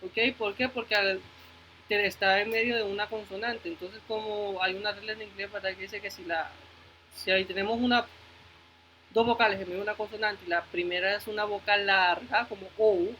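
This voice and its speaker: A man's voice: high-pitched, flat delivery, a little fast, sharp tone, a little hiss or hum, rough recording. A male teacher giving a phonics lesson to children, patiently repeating words and checking in with the class, moving between Spanish and English.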